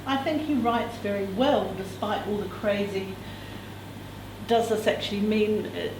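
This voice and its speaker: At a literary event, a woman with a mid-range voice reads a novel extract aloud to an audience at a measured pace, reading expressively and dropping in casual asides. The recording comes from a distant mic in an echoey room, with background noise.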